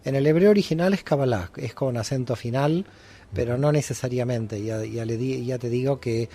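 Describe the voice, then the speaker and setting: Man, guest scholar, teaching tone, frequent fillers, dark mellow voice. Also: mid-range voice, moderate pace, a little hiss or hum. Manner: didactic, many hesitations. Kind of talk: explanatory interview answers.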